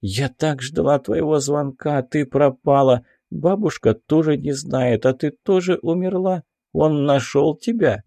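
A man narrating an audiobook, voicing a demon posing as a dead mother in a soft, higher voice. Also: unhurried, few pauses, dry recording. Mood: pleading. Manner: soft, plaintive.

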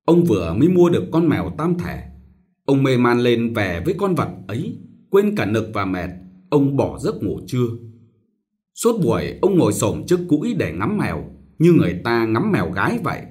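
Man, storybook narration, expressive, lively intonation, mid pitch. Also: moderate pace. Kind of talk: storybook reading.

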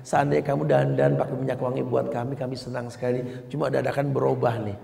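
A man voicing a gentle, pleading wife who quietly confronts her husband, in a soft, hushed, coaxing way. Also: a little high, fairly even intonation, brisk, vocal fry, pitched below the performer's own voice. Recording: echoey hall recording with long reverb.

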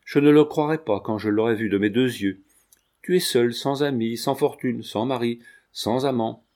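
A man's voice: mid-range voice, moderate pace, darkish tone, close to an everyday voice. A man reading a young male tailor who earnestly and tenderly pleads his love. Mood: pleading.

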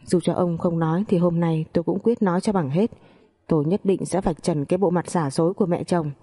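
A woman narrating a family story in the first person, calm and measured. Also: on the low side, breathy edge.

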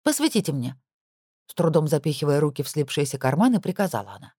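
An audiobook narrator reading a story with expressive, lively storytelling. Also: medium pitch, rapid-fire, breathy edge, dry recording, studio quality.

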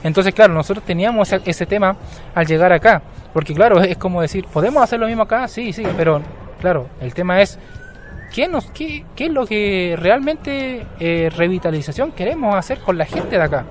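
Young guy, kinda high voice, lots of ums and restarts, recorded outside. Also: lively intonation, normal speed, slight background noise. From southern Chile. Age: 20s. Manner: hesitant, many fillers and restarts. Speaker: Mapuche language teacher. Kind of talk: casual interview account. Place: outdoors at a bus terminal.

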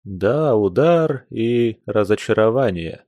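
A man reading an audiobook, voicing a weary, heartsick young man who talks slowly and reluctantly, with sighs. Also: lowish voice, expressive, dark tone, no room sound. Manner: slow, sighing, reluctant.

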